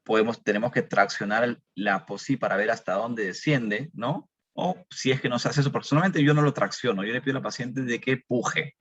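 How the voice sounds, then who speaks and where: A man's voice: medium pitch, a little fast, hardly any pauses, fairly bright tone, breathy edge. A man teaching a medical class, explaining step by step, asking questions and answering them himself. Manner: explanatory, repeats key numbers, asks and answers own questions. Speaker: medical lecturer. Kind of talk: recorded medical lecture. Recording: dull dry lecture recording.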